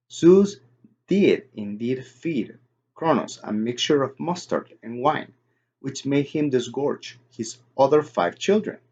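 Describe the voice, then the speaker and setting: Male reader doing a patient, dry-witted middle-aged teacher, measured lecture delivery, mid-pitched, dull recording.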